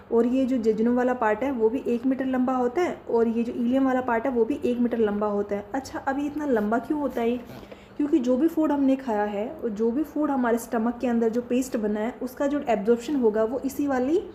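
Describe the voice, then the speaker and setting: A woman's voice: fairly high pitch, warm tone, muffled recording, slight background noise. A woman teaching a lesson, who keeps asking questions and answering them herself. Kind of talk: classroom lesson.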